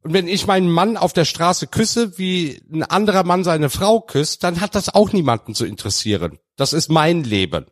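A man's voice: fairly high pitch, expressive, moderate pace, hardly any pauses. A man speaking as a guest in a casual podcast debate, blunt and coarse, with strong emphasis.

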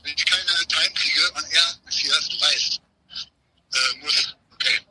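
A man calling in over a phone on loudspeaker, chatting in offhand, slangy banter while walking to a workshop. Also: fairly high pitch, a little slow. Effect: heard over a phone on loudspeaker. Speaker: phone-in friend. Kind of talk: casual chat. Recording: noisy speakerphone call.

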